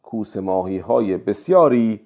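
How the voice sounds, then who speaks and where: A man narrating a story in a steady, measured reading voice. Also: fairly low pitch. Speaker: audiobook narrator. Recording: dull lo-fi recording.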